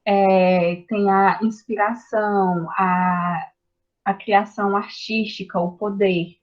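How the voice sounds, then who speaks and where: A woman giving a class presentation, explaining slowly with hesitant fillers. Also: medium pitch, fairly even intonation. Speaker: student presenting a poetry assignment. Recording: dull lo-fi recording.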